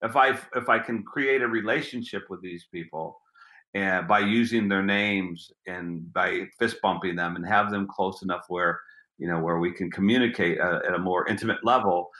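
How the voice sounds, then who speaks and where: This gruff, middle-aged man is a street magician whose interview answers wander, with words repeated as he thinks them through. His low voice comes at a moderate pace, pushed and bright, in a reverberant space.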